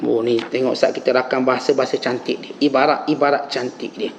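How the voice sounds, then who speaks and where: A man with a Malaysian Malay accent giving a dawn lecture as a religious teacher, preaching with animated, emphatic rises on key phrases. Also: mid-range voice, fast talker. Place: mosque lecture hall. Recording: dull lo-fi lecture recording with faint hiss.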